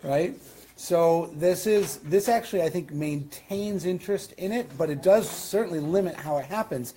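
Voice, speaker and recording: A man's voice: sits high, moderate pace, warm tone, slight background noise. A man with a Western New York accent teaching a Talmud class as rabbi, explaining in a conversational way with questions and asides. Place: synagogue classroom.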